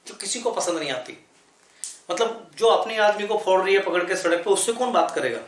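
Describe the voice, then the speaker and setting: In an explanatory classroom lesson, a man teaches English vocabulary, repeating words, spelling them letter by letter, and posing rhetorical questions. His high-sitting voice is animated and brisk, with a reverberant sound.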